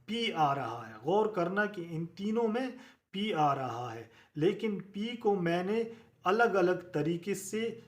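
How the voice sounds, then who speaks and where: A male teacher giving a phonetics lecture, explaining slowly and repeating his examples. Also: high-pitched.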